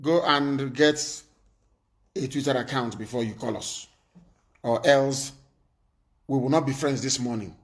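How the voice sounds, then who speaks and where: A man with a medium-pitched voice hosts a live-streamed call-in talk show, speaking a little slowly with long pauses. He takes calls in a commanding manner, repeating his points and scolding his callers.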